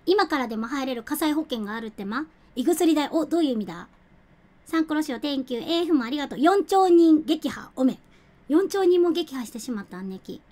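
A woman's voice: high-pitched, a little mellow. A young woman streaming a cooking game, chatting casually, giggling and thanking viewers as she plays. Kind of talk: casual live-stream chat.

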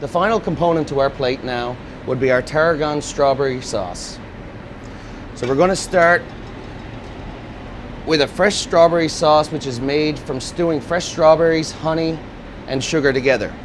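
A man's voice: a little high, normal speed, background noise. A man, an executive chef explaining a dish step by step in a restaurant kitchen, on a lapel mic. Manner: steady instructive step-by-step explaining. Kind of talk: cooking demonstration. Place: restaurant kitchen at a gas range.

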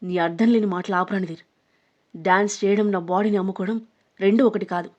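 A woman voicing a frightened but defiant young woman in an audio story, speaking sharply and loudly. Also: fairly low pitch, level tone, quick pace, husky, lo-fi sound. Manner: sharp, shouting, pleading. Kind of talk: storybook narration.

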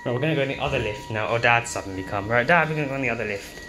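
Talking very fast over music in a medium-pitched voice, a young man gives running commentary from inside a lift, filming on a handheld phone. He's an amateur lift vlogger in a public building's lifts and lobby, and the audio is full of loud background noise and clicks.

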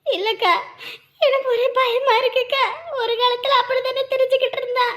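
A woman's voice: very high voice, flat delivery, brisk, fairly bright tone. A woman playing a frantic village wife who wails and pleads in panic. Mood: fearful. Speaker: worried wife in a village drama. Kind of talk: rural Tamil drama acting.

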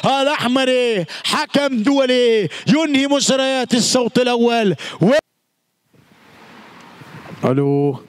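Man, football commentator, very high voice, shouting goal calls, flowery nicknames for players. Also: moderate pace, smooth. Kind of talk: excited live football commentary. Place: amateur football stadium.

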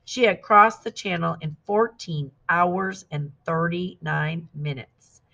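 Female storybook reader, lower voice, measured narration. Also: muffled recording. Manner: steady, clear storytelling with lively quoted shouts. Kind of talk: scripted narration of a picture book.

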